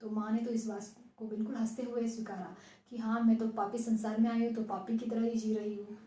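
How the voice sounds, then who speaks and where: A woman's voice: on the high side, flat delivery, fairly quick, mellow. Woman teacher retelling a story. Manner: explains plainly, glosses words as she goes. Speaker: Hindi teacher. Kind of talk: retelling and explaining a textbook story. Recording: echoey room.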